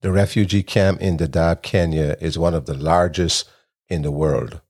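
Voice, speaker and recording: A man hosting a podcast, reading his introduction in a measured, earnest way and interviewing guests at home. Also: low-pitched, a little mellow. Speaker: podcast host. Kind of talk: scripted podcast narration. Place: home kitchen.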